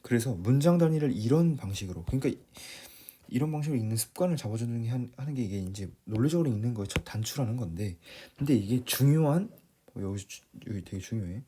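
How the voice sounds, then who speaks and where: Man teaching a class, casual talk, keeps rephrasing and asking "got it?", mellow voice. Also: mid-range voice, animated, fast, a little hiss or hum. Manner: talks to students in plain speech, often rephrasing and checking in. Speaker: English reading teacher. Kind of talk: casual lecture.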